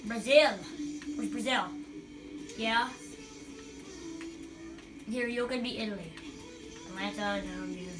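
A woman playing a soccer video game, excitable, chanting sing-song noises and whining playfully at the game. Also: a little high, slow, pauses often. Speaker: gamer. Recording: loud game music behind.

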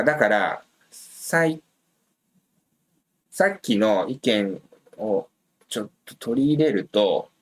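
A man's voice: medium pitch, fairly bright tone. A man hosting a casual live stream, thinking aloud with many fillers and reading out viewer comments. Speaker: livestream host previewing a soccer match.

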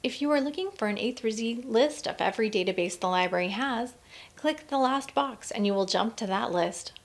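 A medium-pitched woman narrates a scripted screencast tour of a college library website, reading in a clear, friendly, instructional way.

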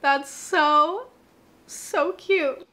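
Speaking very slowly in a high voice with a sharp tone, a woman in her twenties vlogs about beauty from her home's bathroom and living room. She's bubbly and gushing, talking casually to the camera and using lots of filler words.

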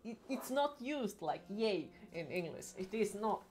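With game music in the background, a young woman from Finland chats sarcastically and casually on her gaming stream, cursing frequently in Finnish-accented speech. Her medium-pitched voice swings widely in pitch and is a little slow and a little mellow.

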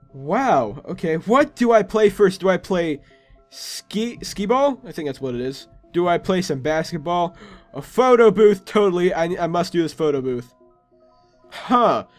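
Male gaming host, high-pitched, casual and playfully sarcastic commentary over faint music. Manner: exclaims and talks to himself, playfully sarcastic.

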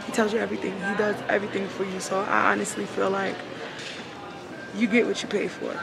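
Inside an airport terminal, a woman travel vlogger talks casually through a face mask, chatting straight to her viewers over a noisy crowd. Her medium-pitched voice is a little fast and creaky, with little pitch movement.

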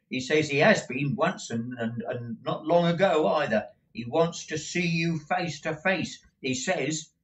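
A man voicing a put-upon male clerk who speaks loudly and bluntly, stammering as he goes. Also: fairly high pitch, pitched above the performer's own voice.

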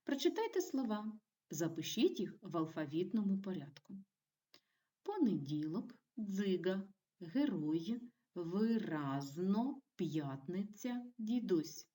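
A woman teaching a primary school video lesson, giving clear and encouraging instructions to young children. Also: medium pitch, big pitch swings, a little slow, dark tone, far from the mic. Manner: clear, encouraging classroom delivery.

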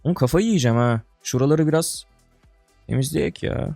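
A man's voice: on the high side, a little fast, creaky, warm tone, dry recording, faint music behind. A young man giving casual commentary while playing an online game, exasperated and groaning, calling viewers brother and buddy. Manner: exasperated, groaning and swearing under breath. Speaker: gaming streamer.

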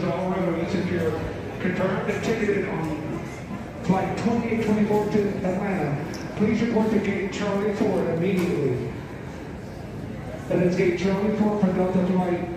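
Male gate announcer over the intercom, formal and repetitive, heard from far off through loud noise. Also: high voice. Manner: formal, repeats flight details. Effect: over the airport intercom. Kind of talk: boarding announcement. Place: airport terminal. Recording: echoey airport loudspeaker from far off with loud noise.

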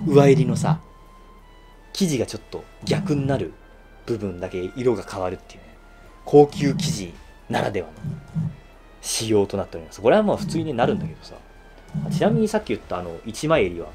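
A man in a casual show-and-tell review of his own bespoke suit, chatting and laughing often. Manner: chatty, laughs often, lively swings in pitch.

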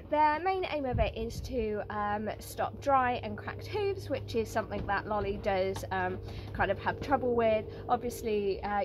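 A woman, hosting a casual product review vlog outdoors at a stable, filmed on a phone at arm's length, chatty with many ums. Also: on the high side. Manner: chatty, lots of ums and uhs. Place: outdoors at a stable yard and field. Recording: outdoor noise behind the voice.

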